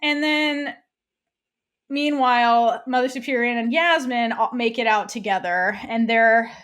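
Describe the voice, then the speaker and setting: A woman's voice: on the high side, unhurried, fairly bright tone, smooth. A woman co-hosting a podcast, chatting casually as she retells an episode and acts out the characters' lines. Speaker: podcast co-host. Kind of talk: casual chat recapping a TV episode.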